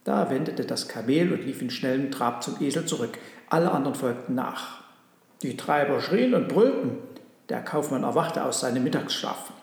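A man narrating a Christmas storybook in a calm, measured way. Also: medium pitch, creaky. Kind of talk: storybook reading. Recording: echoey room.

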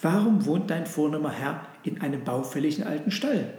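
A man's voice: on the high side, expressive, moderate pace, mellow, lightly acted. A man voicing a curious, polite camel in a storybook, asking questions in an inquisitive, slightly puzzled way. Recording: roomy echo.

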